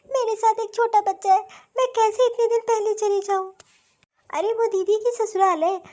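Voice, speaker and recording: A woman's voice: very high-pitched, darkish tone. A woman voicing a wronged young daughter-in-law in a cartoon story, plaintive and complaining. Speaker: cartoon voice actor.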